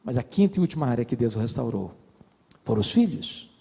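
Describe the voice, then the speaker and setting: A man's voice: medium pitch, very animated, brisk, vocal fry, mellow, slightly rough, in a large hall. A man preaching a sermon as pastor, telling stories and acting out the dialogue. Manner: storytelling preacher, acts out dialogue. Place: church.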